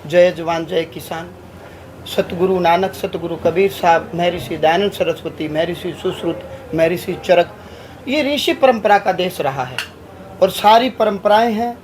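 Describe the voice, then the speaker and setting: A man's voice: high-pitched, a little hiss or hum, poor audio. Declaiming religious man in a press talk. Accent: Haryanvi Hindi. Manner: declamatory, rhetorical lists. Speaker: religious leader. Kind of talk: press statement.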